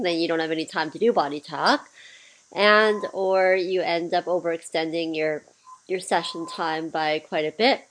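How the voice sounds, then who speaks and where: Woman mentor, lower voice, scratchy from a cold, chatty and practical, faint hiss behind. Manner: chatty, practical, with fillers and throat clearing. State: getting over a cold, scratchy voice. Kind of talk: recorded mentorship session.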